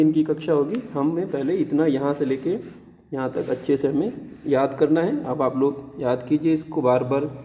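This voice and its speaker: A man teaching young children the Hindi vowels and their signs, saying each sound slowly and repeating it. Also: fairly high pitch, mellow, in a large hall. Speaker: primary school teacher. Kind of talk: classroom lesson on Hindi vowels.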